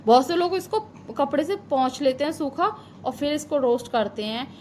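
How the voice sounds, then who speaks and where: Chatty high-voiced mother vlogging at home. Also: expressive, normal speed, darkish tone, a little hiss or hum. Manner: chatty, homely, advice-giving, drifting into heartfelt reflection. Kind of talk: casual vlog voice-over.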